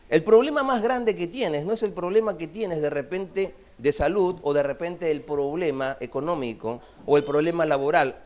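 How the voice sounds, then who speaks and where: Hombre predicando con mucha expresión. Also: male voice. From Peru. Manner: animated, swinging from loud emphasis to hushed low phrases. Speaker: pastor. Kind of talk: sermon. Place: church.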